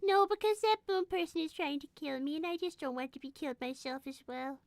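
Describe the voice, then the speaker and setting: A woman's voice: high voice, a little fast, dry recording. A woman voicing a young, polite, anxious rabbit girl with a prim, earnest manner in a live cartoon roleplay.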